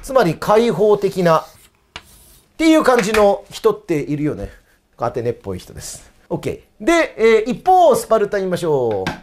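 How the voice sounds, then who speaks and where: A man's voice: sits high, huge pitch swings, normal speed, slight background noise. A man teaching history in a casual, chatty video lecture, tossing in playful foreign greetings.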